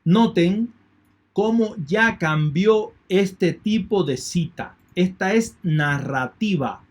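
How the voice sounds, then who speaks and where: Methodical male lecturer, fairly high voice. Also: lively intonation, slow. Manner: methodical, repeats key points, thanks students. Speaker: university lecturer. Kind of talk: online lecture.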